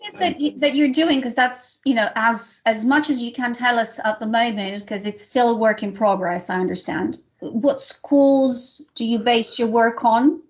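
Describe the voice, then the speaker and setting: A woman's voice: on the high side, unhurried, hardly any pauses. Enthusiastic woman host. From Serbia. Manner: enthusiastic, long winding questions. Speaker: podcast host. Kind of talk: interview hosting. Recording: slightly dull audio.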